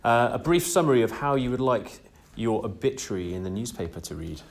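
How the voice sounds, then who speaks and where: A man's voice: mid-range voice, expressive, fairly quick. A man hosting a casual interview, rambling with many fillers and open praise for his guest. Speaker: podcast host.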